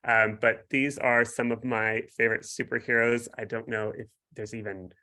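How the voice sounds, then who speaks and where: Bright-voiced man, casual guest author. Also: mid-range voice, level tone, moderate pace. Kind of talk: casual explanatory talk. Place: home basement.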